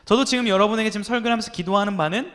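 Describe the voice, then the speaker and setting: A man's voice: high-pitched, very fast, fairly bright tone, long reverb tail. A man in his thirties preaching a youth sermon as a pastor, telling stories with acted quotes and asking the listeners rhetorical questions. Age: 30s.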